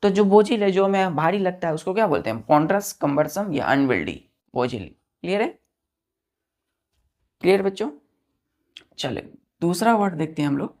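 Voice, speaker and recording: A woman with a lowish, darkish voice teaches a vocabulary lesson at a normal speed, expressive and pausing often. She spells words out letter by letter, calls her students children, and poses questions that she then answers herself.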